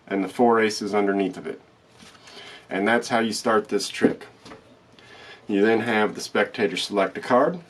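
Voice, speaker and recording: A man giving card magician patter, explaining a trick step by step in a plain, instructional way and repeating the steps. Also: on the low side. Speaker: card trick tutorial presenter.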